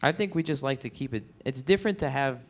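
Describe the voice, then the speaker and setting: A man's voice: mid-range voice, lively intonation, quick pace, a little hiss or hum. A young man in a band, guesting on a college studio show and chatting in a playful, joking way. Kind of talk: casual interview chat.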